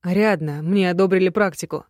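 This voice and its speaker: A woman reading a young male magic student, teasing and affectionate, in a slightly louder, gentler voice. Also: fairly low pitch, a little fast, no room sound, close to an everyday voice. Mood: cheerful.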